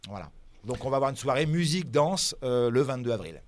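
A man presents a cultural program in a radio interview in French, which isn't his first language. His medium-pitched voice is expressive and brisk, though he hesitates a lot, using many fillers and restarting sentences.

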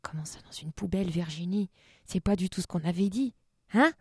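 A woman putting on a lower, hushed voice for an indignant offstage figure who corrects the storyteller. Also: animated, a little fast, husky, no echo, studio quality.

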